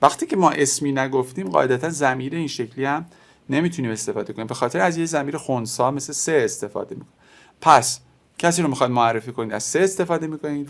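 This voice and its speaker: Man teaching French to beginners. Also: medium pitch. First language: Persian. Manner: explains step by step, repeating example words slowly. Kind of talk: teaching lesson explaining textbook audio.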